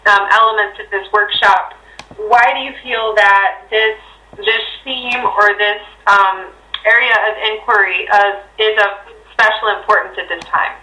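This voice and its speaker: A woman's voice: medium pitch, steady tone, moderate pace, pushed and bright, roomy sound, low-quality recording. A woman interviewer asking a question hesitantly, searching for words with fillers.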